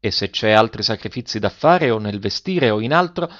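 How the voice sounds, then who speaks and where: A man's voice: on the low side, animated, normal speed, fairly bright tone. A man doing a resolute young girl. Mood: pleading. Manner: resolute, pleading. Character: earnest determined young girl, elder sister. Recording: slightly dull lo-fi recording.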